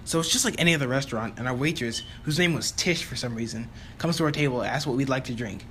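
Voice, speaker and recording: A man's voice: mid-range voice, fast, fairly bright tone, slight background noise. A young man narrating a casual story-time voice-over, chatty and exasperated, with lots of fillers. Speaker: YouTuber telling a story.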